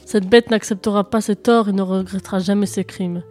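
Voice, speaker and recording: A woman's voice: medium pitch, steady tone, fairly quick, a little mellow, soft background music, natural voice. A woman voicing an earnest young hero. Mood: resolute. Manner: earnest and resolute. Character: determined young hero, a boy grown to a man.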